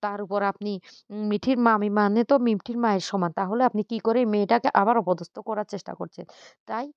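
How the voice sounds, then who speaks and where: A woman's voice: medium pitch, fairly even intonation, fast, vocal fry, clean tone, dry recording, lo-fi sound, close to an everyday voice. Stern protective young man, as a woman voices him. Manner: firm, warning. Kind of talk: storytelling of a serial episode.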